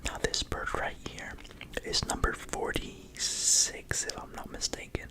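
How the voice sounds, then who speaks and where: A racing pigeon keeper presents his own birds in a soft, unvoiced whisper that never lets up. The ASMR-style narration is hushed, confiding and measured, as if sharing a secret with the listener.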